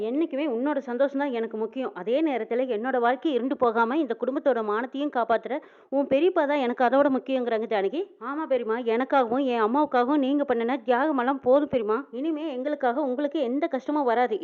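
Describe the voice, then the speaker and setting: Woman, serial episode recap narrator, fast talker, tinny phone-like audio. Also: sits high. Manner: quick storytelling with reported speech. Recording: phone-like narrow sound.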